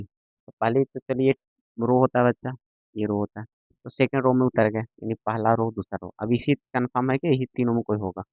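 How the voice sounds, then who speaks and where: Patient and repetitive, this medium-pitched male teacher gives a classroom maths lecture, often making sure the students keep up. There's no room sound; the recording is dry and has a dull lo-fi quality.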